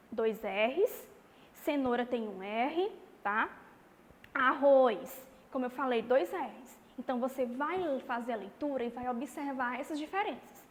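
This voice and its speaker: A woman teaching a class of young schoolchildren, explaining patiently and slowly, often checking in with the listener. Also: high-pitched. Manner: patient, slow and explanatory, with frequent "tá bom?" check-ins. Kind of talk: recorded remote class lesson. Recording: long reverb, faint background noise.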